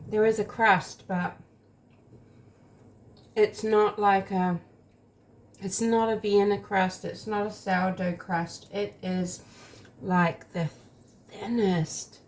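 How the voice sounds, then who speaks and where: Woman, home baking vlogger; casual, rambling, slow delivery, talks with mouth full. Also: medium pitch, a little hiss or hum. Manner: chatty, rambling, eats while talking. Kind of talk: casual taste-test vlog.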